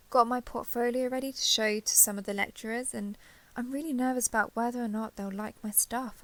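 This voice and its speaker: In an intimate roleplay audio drama, a woman voices a caring, apologetic young dragon girl giant, speaking gently and hesitantly to the listener with an excited, nervous edge. Her voice is fairly high and creaky, with no echo.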